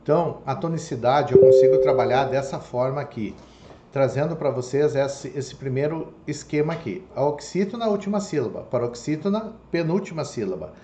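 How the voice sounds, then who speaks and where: A man's voice: medium pitch, animated, normal speed. Brazilian male teacher in an echoey room. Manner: explanatory, repeats "tá?" and "ok?" to check understanding. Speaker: Portuguese teacher. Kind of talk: online lecture. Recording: echoey room, faint background noise.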